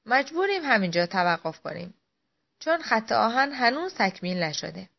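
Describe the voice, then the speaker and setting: A woman's voice: fairly high pitch, big pitch swings, vocal fry, heavily acted. A blunt railway conductor, read by a woman narrator states the facts plainly and without apology. The recording sounds dull and lo-fi. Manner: matter-of-fact. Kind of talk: audiobook reading. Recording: dull lo-fi audio.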